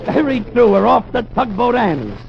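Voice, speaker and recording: An actor playing a lazy, wisecracking riverboat skipper with droll, mock-pompous delivery in an old-time radio comedy. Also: male voice, very high voice, sing-song, normal speed, vocal fry, loud music behind the voice, heavily acted. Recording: dull, very noisy vintage radio recording.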